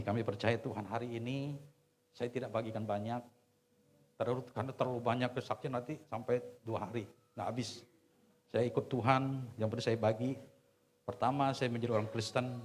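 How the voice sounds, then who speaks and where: A male pastor preaching a sermon at a church service, sharing testimony and swinging from loud exclamations to quiet asides. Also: mid-range voice.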